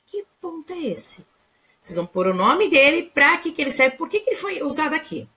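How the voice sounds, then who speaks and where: A woman's voice: sits high, big pitch swings, a little fast, pushed and bright. A woman teacher with a Brazilian Portuguese accent, patiently explaining a lesson to young pupils step by step. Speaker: primary school teacher. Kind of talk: recorded remote class explanation.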